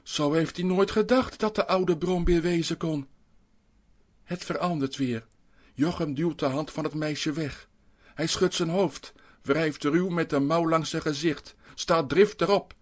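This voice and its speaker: Expressive man reading a children's story. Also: a little high. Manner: expressive, suspenseful reading with dramatic pauses. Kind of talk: scripted narration of a children's story.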